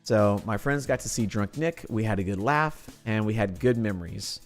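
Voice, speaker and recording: A young adult man streaming, chatting casually with his viewers and telling animated stories, acting out his friends' lines and swearing freely. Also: lowish voice, moderate pace, faint music behind. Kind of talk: casual chat to live chat.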